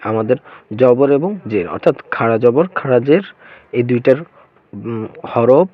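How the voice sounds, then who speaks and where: A man teaching Quran reading online, patiently drilling the letters and vowel marks one by one. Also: mid-range voice. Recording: tinny phone-like audio.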